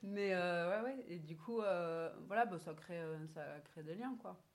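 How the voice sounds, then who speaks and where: Young woman guest, lowish pitch, halting and hesitant, laughs easily. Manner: hesitant, many fillers and restarts, laughs. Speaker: podcast guest. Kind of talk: casual chat.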